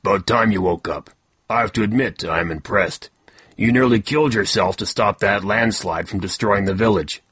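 Guy doing a bald poacher baddie, deep husky voice, dry sound. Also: normal speed, fairly bright tone, no echo. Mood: menacing. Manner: low husky sneering voice. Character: bald adult male poacher, menacing villain.

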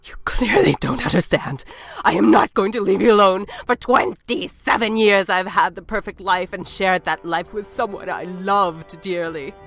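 A woman's voice: medium pitch, normal speed, fairly bright tone, faint music behind, lightly acted. A woman voicing a grim, ruthless old witch in an audiobook drama, speaking in a cold, menacing way.

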